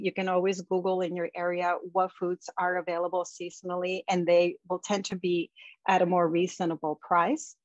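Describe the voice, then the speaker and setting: Over a video call, a woman presents slides and offers practical tips conversationally, using a lot of ums. Her voice is on the low side with no echo, and the webcam audio sounds dull and dry.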